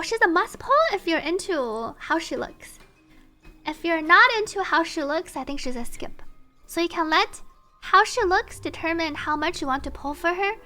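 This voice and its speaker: A female game streamer with a high-pitched voice chats casually with her viewers and reads story text aloud. Her delivery is playful, expressive and teasing.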